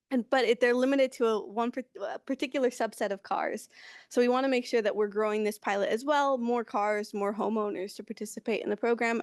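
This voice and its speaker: A woman's voice: a little high, no echo, clean studio sound. A woman giving an informal conference presentation as a presenter among colleagues.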